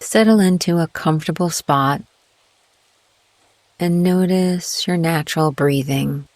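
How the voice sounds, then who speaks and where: Speaking in a lowish voice, a woman leads a guided meditation at an unhurried, soothing pace, pausing between phrases in a calm, gentle way. The sound is close and dry, with no room sound.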